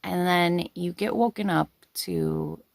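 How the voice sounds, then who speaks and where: Low-pitched, gravelly woman telling stories casually. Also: takes it slowly, no room sound. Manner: giggly, breaking into laughter while talking. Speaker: storyteller and video host. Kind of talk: casual spoken storytelling to viewers.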